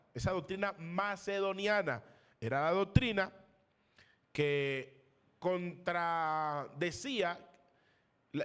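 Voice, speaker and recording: A man with a fairly high-pitched voice teaches a theology class as a pastor. He lectures in a classroom style, lifting his voice to stress key terms and asking questions of his students. He pauses now and then with fillers while he searches for names. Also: fairly bright tone, smooth.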